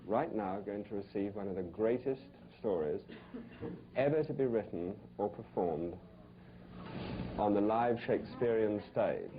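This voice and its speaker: A man's voice: on the low side, measured pace, dull audio, a little hiss or hum. A man hosting a TV cooking show in front of a live studio audience, joking and teasing the audience as he talks. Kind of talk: comic cooking show monologue.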